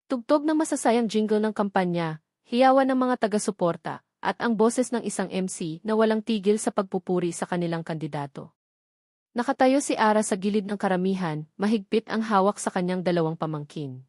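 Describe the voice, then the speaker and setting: Narrating a scripted story dramatically, a woman speaks with a Filipino accent in a medium-pitched, slightly mellow voice. The sound is clean studio quality with no echo.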